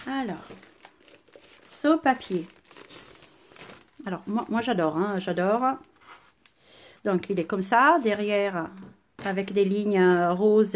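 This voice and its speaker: In a casual live-stream unboxing shot on a phone camera at home, a woman demonstrating crafting products chats enthusiastically with an Italian accent. She has a mid-range voice and often pauses on "euh".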